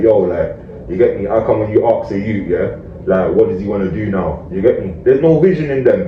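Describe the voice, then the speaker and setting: Addressing the camera, a man with a multicultural London roadman accent delivers forceful street talk thick with slang, tag questions scattered throughout, as a community activist. His pitch is fairly low, and the recording sounds distant, roomy and dull under faint noise.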